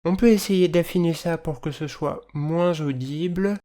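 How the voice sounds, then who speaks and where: A person with a slight lisp and hissy, slushy s sounds, explaining audio editing as a tutor in a measured, careful way. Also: medium pitch, dark tone. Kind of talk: instructional screencast narration, explanatory.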